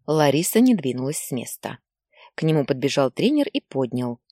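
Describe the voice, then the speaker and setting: A woman narrating a story in an expressive, dramatic reading style. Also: a bass voice, normal speed, no echo, studio quality.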